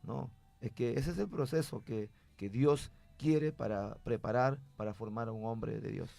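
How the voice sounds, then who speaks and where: A man, a pastor, talks earnestly about his own years of service on a radio program. His voice is gravelly at mid pitch, recorded close and dry with no room sound. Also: unhurried, mellow, no echo. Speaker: pastor, guest. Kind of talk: conversational testimony.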